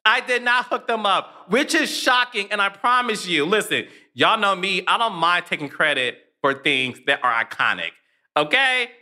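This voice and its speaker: Bright, animated man gossiping. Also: sits high, normal speed. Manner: animated, laughs often, storytelling. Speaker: podcast host. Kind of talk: casual gossip chat.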